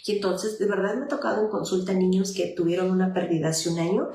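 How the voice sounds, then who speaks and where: A woman child psychologist and parenting advisor speaks on a livestream, offering parenting advice and answering viewer messages. Her voice is fairly low and dark-toned, and she talks fast, with frequent fillers and restarts. The room she is in is echoey.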